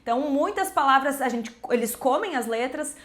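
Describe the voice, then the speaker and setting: A woman teaching English pronunciation, explaining patiently and repeating example words slowly. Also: high voice, expressive, a bit bright. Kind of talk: pronunciation lesson to camera.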